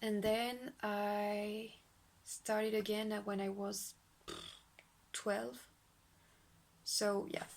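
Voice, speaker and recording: Woman from France, twenties, slow, creaky, hesitant. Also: mid-range voice, flat delivery. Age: 20s. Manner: hesitant, many fillers. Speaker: interviewee. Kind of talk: casual chat.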